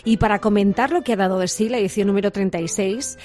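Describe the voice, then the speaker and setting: A woman hosting a weekend radio show, lively with small hesitations. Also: mid-range voice, fast, faint music behind. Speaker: radio host.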